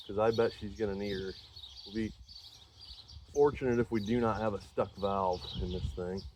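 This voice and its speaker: Working on an old engine, this man chats in a rambling, folksy, self-deprecating style for his small engine repair vlog, congested and clearing his throat. His voice is on the low side with a dark tone, and there's a little hiss or hum.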